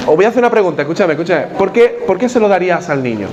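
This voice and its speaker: A man's voice: high-pitched, sing-song, racing, muffled recording, crowd noise. A man preaching a sermon as pastor in a church, putting questions to the congregation and repeating his key points.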